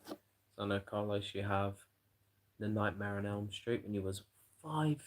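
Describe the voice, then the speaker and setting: A man's voice: on the low side, moderate pace, low-quality recording. A tired man rambling and swearing through a late-night live stream chat, yawning as he talks. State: exhausted. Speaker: livestreamer.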